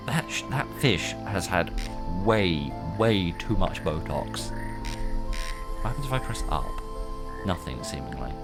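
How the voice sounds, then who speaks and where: A British man giving a casual, rambling let's play commentary in a wry manner, often interrupting himself. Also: sits low. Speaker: gamer commentating.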